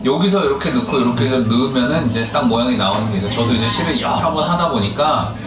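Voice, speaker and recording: A man's voice: medium pitch, expressive, fast. A man talking as a cosmetic doctor, explaining things in casual chat with rhetorical questions and quoted asides. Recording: echoey room, distant mic, music behind.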